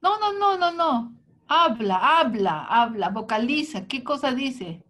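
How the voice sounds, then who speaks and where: A woman's voice: very high voice, very animated, very slow, fairly bright tone, voice pushed up, exaggerated voice. A woman voicing an impatient female psychologist who keeps repeating orders to speak. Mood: insistent. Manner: insistent, scolding repetition.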